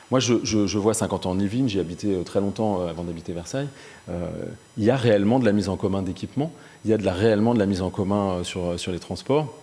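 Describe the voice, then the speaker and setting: A man's voice: lowish voice, mellow. A local campaign representative making his case in a televised political debate with assured arguments. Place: local TV studio.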